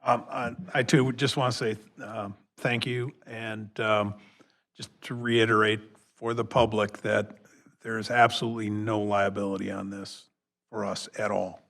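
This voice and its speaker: A man's voice: lowish voice, level tone, normal speed, creaky, fairly bright tone. A man on the city council asking short questions, hesitating and repeating words. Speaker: council member.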